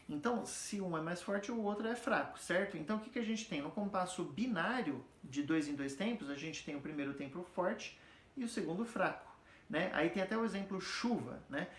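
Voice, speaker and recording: A man giving a casual music theory lesson, patiently explaining and often checking that the students follow. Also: sits high. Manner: explains patiently, checks understanding with frequent tag questions; sings or chants example words slowly to demonstrate stress. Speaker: music teacher. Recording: echoey room.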